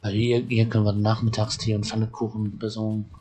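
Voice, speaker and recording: A man's voice: on the low side, completely flat delivery, brisk, dark tone, husky. A man casually commenting on a farming game as he plays, chatting to himself. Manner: chatty, talks to himself while playing. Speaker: let's-play commentator.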